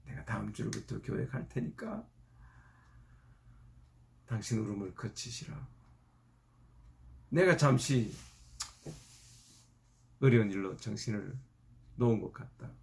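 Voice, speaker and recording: A man voicing a despairing middle-aged husband who shouts back at his wife. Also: fairly low pitch, slow pace, vocal fry, pauses often. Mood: exasperated. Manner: shouting, exasperated.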